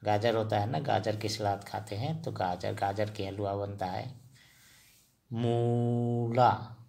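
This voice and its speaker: A man teaching vocabulary slowly, repeating each word and quizzing his listeners. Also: on the low side, vocal fry, a little mellow. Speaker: language teacher. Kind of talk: slow spoken vocabulary lesson.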